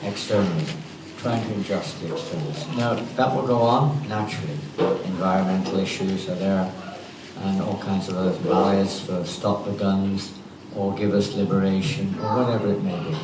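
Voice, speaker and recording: Low-voiced man teaching in an echoey hall. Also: steady tone, normal speed. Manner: conversational, rambling with restarts and chuckles. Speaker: spiritual teacher giving a class. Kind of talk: informal spiritual talk. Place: temple hall. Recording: roomy hall audio from a distance, noisy.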